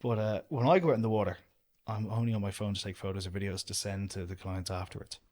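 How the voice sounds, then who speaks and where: A man's voice: on the low side, quick pace. A young Irish man, an outdoor business owner, talking casually and rambling as a podcast guest. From Ireland. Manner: relaxed, rambling, lots of "do you know". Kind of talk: casual interview chat.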